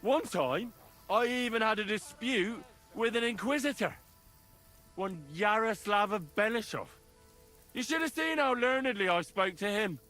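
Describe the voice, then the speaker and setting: An actor playing a boastful, quick-tempered young man who swears freely. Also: high-pitched, lively intonation, pushed and bright, faint music behind, heavily acted. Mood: bragging. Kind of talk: game voice acting.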